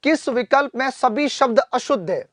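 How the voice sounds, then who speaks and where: A man teaching Hindi in a live online exam-prep class, repeating answers and quizzing students back, often clearing his throat. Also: very high voice, animated, normal speed, a bit bright, no echo, clean studio sound. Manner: addresses students fondly as "beta".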